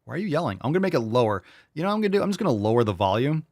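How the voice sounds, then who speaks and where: A man's voice: mid-range voice, very animated, racing, a little mellow, no room sound, studio quality. Blunt, profane male commentary host. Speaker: show host. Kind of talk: casual live commentary.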